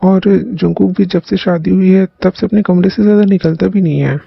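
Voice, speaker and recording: A calm middle-aged father who reassures his wife in a fan audio drama. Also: mid-range voice, moderate pace, gravelly, slightly rough, muffled recording. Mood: soothing. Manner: soothing, reassuring.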